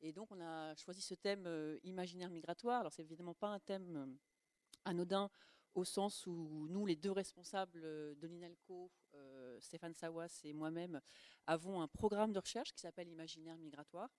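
A woman's voice: on the low side, normal speed, darkish tone, no echo. A woman university lecturer speaking as a radio guest, hesitating and restarting often. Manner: hesitant, many fillers and restarts. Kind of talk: radio panel talk.

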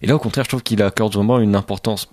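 A man's voice: fairly low pitch, steady tone, quick pace, darkish tone, slight background noise. A man discussing films in a casual talk, explaining his points fluently. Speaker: film critic.

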